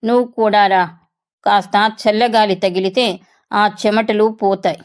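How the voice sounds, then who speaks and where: A woman's voice: mid-range voice, steady tone, a little slow, clean tone, close to an everyday voice. A woman voicing a caring mother who scolds and soothes her young son, in a plain read-aloud character voice. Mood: tender, scolding. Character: caring village mother, scolding yet tender.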